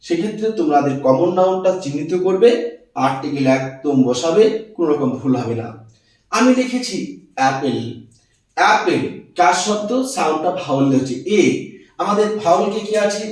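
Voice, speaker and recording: A man teaching a lesson, his fairly high voice set back from the mic in a very echoey room. He poses questions and answers them himself, drawing out and repeating each word. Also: far from the mic. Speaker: English teacher. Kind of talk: classroom-style grammar lesson.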